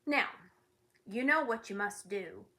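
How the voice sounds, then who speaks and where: A woman voicing a large, impatient watchdog with a ticking clock body, in a storybook reading, gruff and scolding. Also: medium pitch, lively intonation, slow, sharp tone. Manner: growling, barking, scolding.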